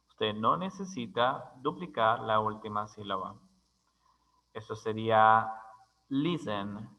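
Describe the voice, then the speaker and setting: Male language teacher, unhurried and methodical, crisp tone, long room reverb. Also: mid-range voice, sharp tone. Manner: slow, deliberate, spells words letter by letter. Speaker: English teacher. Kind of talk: grammar lesson.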